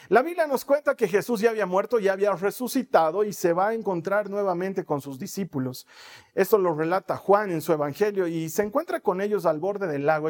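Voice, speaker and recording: A man preaching a sermon, telling Bible stories in an animated way and laughing often. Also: high voice.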